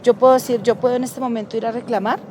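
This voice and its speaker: A middle-aged Colombian community leader tells stories in an interview, animatedly acting out the dialogue she quotes. Her voice is a little high, she talks fast, and there is background noise.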